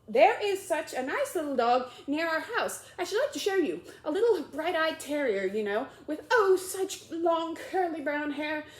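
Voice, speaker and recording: A woman's voice: high voice, lively intonation, brisk, reverberant, voice pushed up. A woman voicing Alice, a polite and eager young girl, in a storybook reading. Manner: eager and hasty, apologetic.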